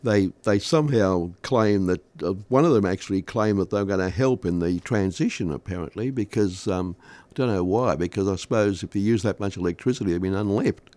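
An older man giving conversational news commentary as a host, halting often and using wry understatement. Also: on the low side, mellow, no room sound. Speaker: talk show host.

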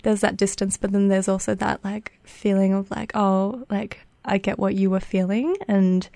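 A young woman, asking relaxed interview questions with plenty of filler words. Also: medium pitch, normal speed, gravelly, no echo. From Australia. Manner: relaxed, uses many fillers.

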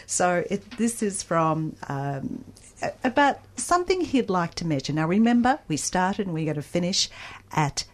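A woman's voice: lowish voice, normal speed. Enthusiastic woman reviewing a book. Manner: enthusiastic, animated, with frequent restarts and laughs. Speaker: radio book reviewer interviewing an author. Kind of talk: conversational book discussion.

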